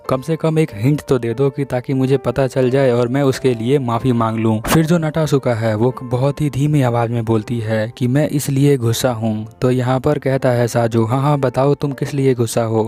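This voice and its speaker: Mellow-voiced Hindi anime recap narrator. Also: male voice, medium pitch, fairly even intonation, moderate pace, hardly any pauses, soft background music. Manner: retells dialogue in a plain narrating voice, heavy use of filler "जो है". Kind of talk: casual storytelling recap of an anime episode.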